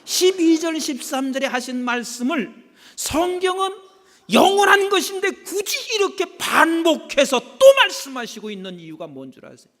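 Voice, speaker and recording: A male pastor preaching a sermon, swinging between hushed asides and shouted declarations. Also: extremely high pitch, expressive, normal speed. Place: church sanctuary. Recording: long reverb from a large hall.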